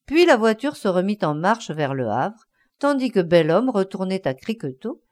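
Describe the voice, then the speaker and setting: Expressive woman reading a story aloud. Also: medium pitch, normal speed. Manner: expressive, acting out the scenes. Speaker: narrator.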